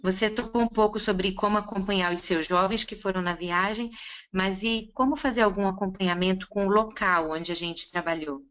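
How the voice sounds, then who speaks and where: A woman interpreting a seminar consecutively, relaying each line in a steady, conversational way. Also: medium pitch, normal speed, muffled recording.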